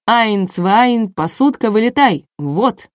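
A woman's voice: fairly high pitch, lively intonation, slow pace, no room sound, clean studio sound, pitched above the performer's own voice. Woman voicing a brash male TV host. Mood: showy. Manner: showy, hyped-up announcing.

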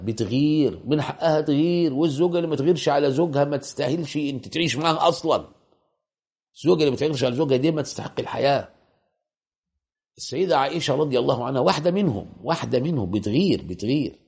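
A man's voice: mid-range voice, gravelly, darkish tone. A man with an Egyptian Arabic accent giving a colloquial religious lecture, asking rhetorical questions and repeating points for emphasis. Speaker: preacher.

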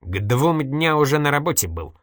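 A man's voice: mid-range voice, sing-song, moderate pace, fairly bright tone, no room sound, studio quality, pitched above the performer's own voice. A reader voicing an evasive, wisecracking male journalist in an audiobook, ironic and mock-innocent. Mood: wry. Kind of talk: audiobook character voice.

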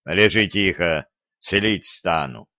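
A stern warrior priest speaks in a gruff, commanding way, as a male narrator voices him. It sits low and unhurried, in a dull, dry storybook recording. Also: bright, forceful tone, no echo, exaggerated voice. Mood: urgent.

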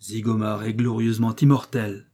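A man's voice: lowish voice, little pitch movement, normal speed, dark tone, close to an everyday voice. A man playing a gloating master criminal. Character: menacing male master criminal, commanding, gloating.

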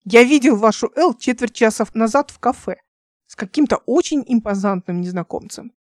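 A woman's voice: fairly high pitch, animated, moderate pace, no echo, clean studio sound. Woman reading a tense young captain.

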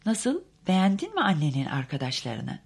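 A woman's voice: lowish voice, huge pitch swings, moderate pace, creaky, breathy edge, voice pushed up, full character voice. A woman voicing a flighty rich young mother who coos and fusses, in an audiobook. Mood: chatty. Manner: cooing, affected.

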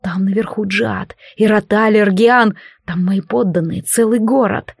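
A wounded merman prince, defiant and bitter, his words slow and strained, as a woman narrator reads him. It sounds close and dry, near her own voice. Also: mid-range voice, fairly even intonation, dry recording. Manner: slow, strained and hoarse-edged.

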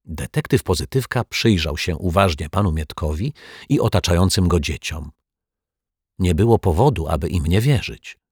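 A man's voice: moderate pace, breathy edge, no echo, clean studio sound. A man reading a children's detective story aloud, narrating and giving the characters their own voices. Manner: lively, voices characters with pitch shifts. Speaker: audiobook narrator.

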